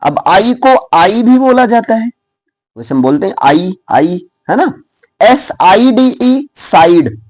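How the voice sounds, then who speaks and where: A man's voice: sits high, very animated, no room sound. A man with an Indian accent teaching English pronunciation, spelling words out letter by letter and checking in with his class. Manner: spells words out slowly letter by letter, then says them. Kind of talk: lively classroom explanation.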